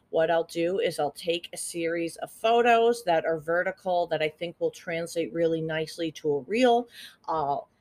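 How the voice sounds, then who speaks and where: A woman hosting a podcast on her own, giving social media tips in a chatty, upbeat way and laughing at her own jokes. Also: fairly low pitch. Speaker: podcast host. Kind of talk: casual solo podcast tips.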